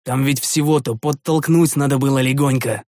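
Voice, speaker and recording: A man's voice: medium pitch, fairly even intonation, normal speed, darkish tone, no echo. A man narrating a fantasy audiobook in the first person, tense and dramatic, recorded on a studio microphone.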